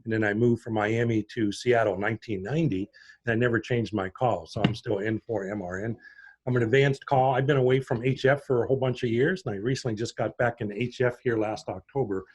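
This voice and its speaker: A man's voice: medium pitch, steady tone, fast, a little mellow, slightly rough. A middle-aged man from Pittsburgh introducing himself on a video call, chatty and rambling as he tells his story. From Pittsburgh, USA. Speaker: prospective club member.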